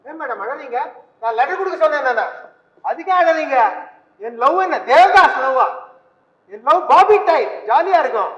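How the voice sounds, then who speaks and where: A man's voice: extremely high pitch, moderate pace, long pauses, a bit bright. An actor playing a cocky young son in a stage comedy, boastful and brash, dropping English words into his talk. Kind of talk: vintage stage comedy acting. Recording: dull roomy old stage recording.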